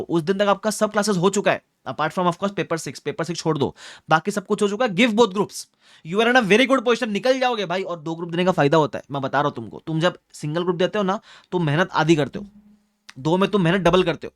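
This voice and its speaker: A man's voice: sits high, a bit bright, no room sound, clean studio sound. A young man coaching exam students, talking directly and like an older brother, often checking that they follow. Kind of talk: advice talk to students, mixing in English phrases.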